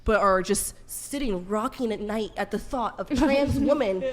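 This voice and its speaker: A woman's voice: mid-range voice, a little slow, over a noisy crowd. A woman in a heated casual debate, blunt and argumentative, talking over others in slangy, profane speech peppered with filler words. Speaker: debate panelist.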